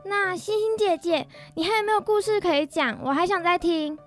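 A woman's voice: extremely high pitch, fairly quick, soft background music. A woman voicing a curious little boy who asks for more stories. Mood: eager. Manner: eager, inquisitive.

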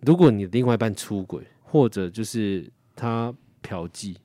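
A man co-hosting a podcast, telling stories in a lively, cursing way and acting out what others said. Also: fairly low pitch, moderate pace, no echo. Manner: animated storyteller who swears and acts out quoted friends. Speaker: podcast co-host. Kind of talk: casual chat.

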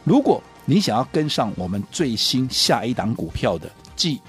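A man's voice: mid-range voice, sing-song, normal speed, soft background music. A man, a stock analyst on a radio finance show, persuasively promoting a paid program.

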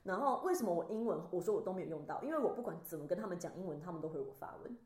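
A woman co-hosting a casual chat podcast, telling lively stories and acting out the scenes she describes. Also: lowish voice, very fast. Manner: animated storyteller, acts out scenes. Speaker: podcast co-host. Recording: roomy echo.

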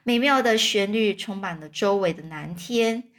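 A woman reading a children's book aloud, pausing to explain words for young listeners. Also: mid-range voice. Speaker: storyteller.

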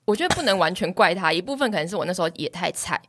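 A woman's voice: lowish voice, lively intonation, slightly rough. A woman with a Taiwanese Mandarin accent, a guest reporter on a chat podcast, recounting her own mishaps with self-mocking humor. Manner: self-mocking, quick to agree. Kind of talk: casual chat, storytelling.

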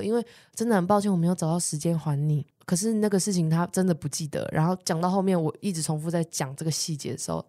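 Lively woman telling stories. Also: lowish voice. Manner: animated storyteller, swears, laughs often, acts out quoted people. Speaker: podcast co-host. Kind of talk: casual chat, storytelling.

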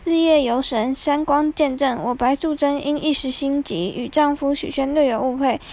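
A gentle, devoted female snake spirit speaks to her husband in a soft, coaxing voice, as a woman narrator puts her on. The tone sits high and light, in a storybook telling. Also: normal speed.

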